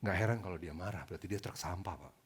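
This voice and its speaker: A preacher voicing a calm, soft-spoken male taxi driver who gives advice in a hushed, low voice. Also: fast talker, husky.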